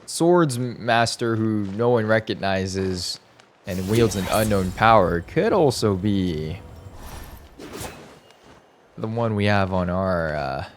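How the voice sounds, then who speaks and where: A man streaming a video game, joking and reacting loudly in casual commentary. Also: lowish voice, animated, takes it slowly, long pauses, slight background noise.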